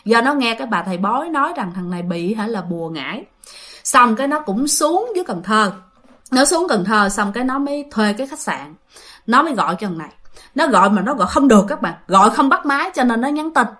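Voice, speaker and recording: A woman with a high voice narrates a ghost story. Her delivery is casual and chatty, with loose run-on phrasing, and she keeps speaking directly to her listeners. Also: very animated, quick pace, fairly bright tone.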